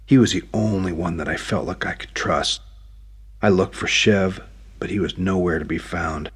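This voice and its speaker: A man narrating a novel in the first person, in a plain, steady storytelling manner. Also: low-pitched, moderate pace, husky. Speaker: audiobook narrator.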